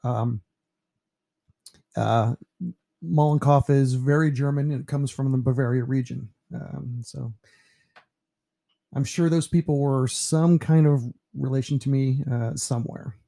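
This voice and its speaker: A man of about fifty from New York, a teacher narrating a slideshow about himself in a relaxed, rambling way with lots of fillers. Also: medium pitch, unhurried, vocal fry, long pauses. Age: 50s.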